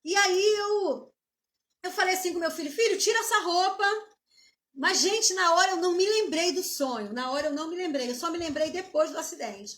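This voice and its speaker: A middle-aged Brazilian woman pastor giving an emotional live-streamed testimony, halting, with many restarts and tag questions. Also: very high voice, a bit bright. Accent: Brazilian Portuguese.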